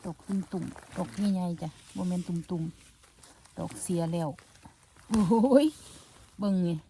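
A woman with a Surin northeastern Thai accent speaks in a soft, slightly hoarse voice, chatting casually as she forages outdoors on a handheld phone. Her delivery is slow and her tone is dark and mellow. A faint hiss of noise sits under her voice. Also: on the low side. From Surin, northeastern Thailand. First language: Khmer. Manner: soft, murmured asides to viewers. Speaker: mushroom-foraging vlogger. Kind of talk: casual chat while foraging. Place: outdoors in a forest and on a lawn.

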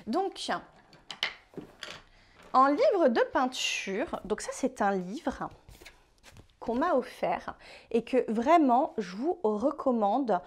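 A young woman from France chatting casually through her painting vlog, relaxed and full of little fillers. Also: a little high, drawn-out words, pauses often. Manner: chatty, relaxed, many fillers like "euh" and "bah". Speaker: painting vlogger.

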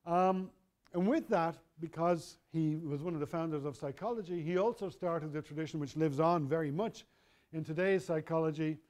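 A man's voice: fairly high pitch, moderate pace, darkish tone. A middle-aged man, giving a university lecture in a wry, conversational way, often correcting himself mid-sentence.

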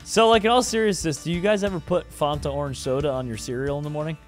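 A man hosting a casual group gameplay session, joking around with quick laughs. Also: on the high side, fairly even intonation, soft background music. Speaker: gaming channel host.

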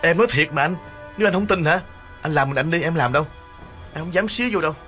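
A man voicing a frightened young man who whimpers and pleads in a shaky voice, with soft music behind. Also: fairly high pitch, fast, pitched above the performer's own voice. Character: frightened young man, a small-time thief begging.

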